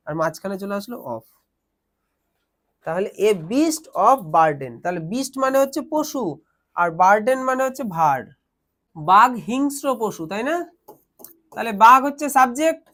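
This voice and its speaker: A man's voice: sits high, a bit bright. A man teaching a grammar lesson in a classroom, explaining step by step and quizzing his students as he goes.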